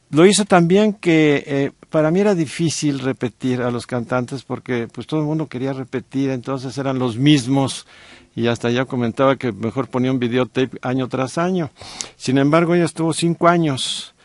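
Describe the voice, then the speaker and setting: A middle-aged man with a Mexican accent, telling a story on a radio talk show with many pauses and fillers. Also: mid-range voice, no echo. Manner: warm storytelling with frequent fillers. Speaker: guest co-host.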